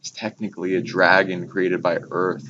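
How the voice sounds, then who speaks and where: A man co-hosting a casual spiritual chat talks in a low voice with a flat delivery at a moderate pace, wandering, informal and enthusiastic. It was recorded informally by a fire, and the sound is muffled and lo-fi with clear background noise.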